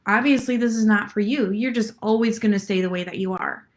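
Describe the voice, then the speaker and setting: A woman's voice: medium pitch, brisk, close to an everyday voice. A woman acting out a mean female personal trainer who harshly belittles her client. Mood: scornful.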